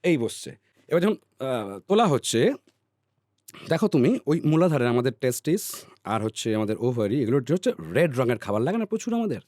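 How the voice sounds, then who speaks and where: A man talks through ideas like a patient teacher, often stopping to ask if his listener is following. His voice sits at an average pitch and sounds close and dry, with no room echo. He repeats words and lets them fade away softly. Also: sing-song, fairly quick. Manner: teacherly, checks in with "all right?" often. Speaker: podcast guest. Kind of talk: explanatory podcast talk.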